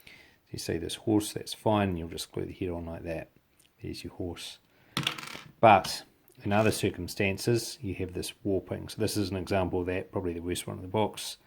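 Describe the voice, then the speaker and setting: Deep, creaky-voiced New Zealand man. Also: steady tone, normal speed, a little hiss or hum. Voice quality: gravelly, low voice. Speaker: hobby tutorial presenter. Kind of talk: casual hands-on demonstration.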